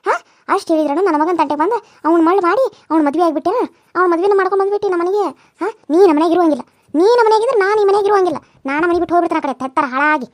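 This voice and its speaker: Woman voicing a shrill furious mother-in-law. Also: rapid-fire, no room sound, studio quality. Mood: scolding. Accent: North Karnataka Kannada. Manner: shrill, berating, repetitive scolding. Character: furious scolding middle-aged mother-in-law. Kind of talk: cartoon serial voice acting.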